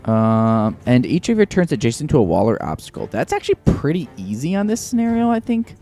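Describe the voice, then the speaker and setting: A man's voice: mid-range voice, big pitch swings, brisk, dark tone, soft background music. A man hosting a livestream, commenting casually on a game and thinking his moves through aloud. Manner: thinks aloud, lots of fillers. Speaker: livestream host.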